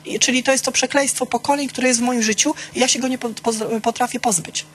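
A woman's voice: fairly high pitch, fairly even intonation, brisk. Woman leading a church group talk, chatty and frank, keeps asking "right?", faint hum behind. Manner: conversational, keeps checking in with "tak?"; addresses listeners by name, asks questions. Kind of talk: teaching a small church group.

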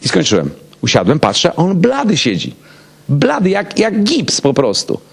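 A man, a pastor, telling a personal story in a casual, animated way and acting out both sides of the dialogue. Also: a little high, normal speed, vocal fry, breathy edge.

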